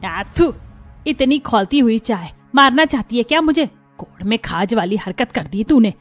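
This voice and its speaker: A woman's voice: fairly high pitch, expressive, normal speed. A woman voicing a cruel middle-aged mother-in-law in a cartoon, harsh and taunting, over faint music. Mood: scolding. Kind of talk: cartoon voice acting.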